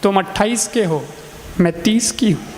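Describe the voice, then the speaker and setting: A man voicing a calm young wife who stays soothing but quietly firm. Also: sits high, normal speed, background noise, close to an everyday voice. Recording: long reverb hall with faint music.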